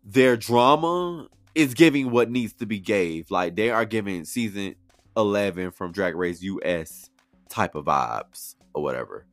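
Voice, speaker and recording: A man's voice: on the low side, measured pace, dry recording, soft background music. A man co-hosting a casual chat, talking in emphatic, slangy drag-scene phrases. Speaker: podcast co-host.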